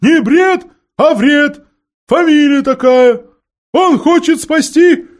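A man voicing a fussy, excitable female owl that hoots and exclaims. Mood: shouting. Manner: high hooting exclamations, drawn-out words.

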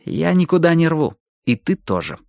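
A man's voice: a little high, very animated, moderate pace, vocal fry, darkish tone, no room sound, studio quality, voice pushed up. A man doing a defiant, hot-tempered teenage boy.

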